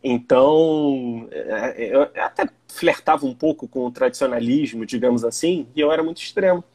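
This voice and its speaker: A man's voice: mid-range voice, moderate pace, dark tone, slightly rough. A young Brazilian man with a Brazilian Portuguese accent, chatting in a laid-back way, with lots of casual fillers. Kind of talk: casual conversation.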